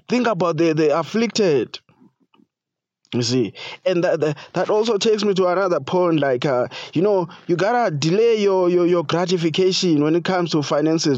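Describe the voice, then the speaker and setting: A man preaching a casual sermon as a pastor, halting, with many fillers like "you know" and slangy asides. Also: high-pitched, a little mellow, dry recording, highs cut off.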